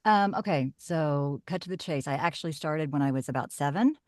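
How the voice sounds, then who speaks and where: Middle-aged woman from Oklahoma, voiceover pro, low warm-toned chat, dry mic. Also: brisk, no echo. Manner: chatty storyteller, animated asides. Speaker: voiceover artist guest. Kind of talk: casual podcast chat.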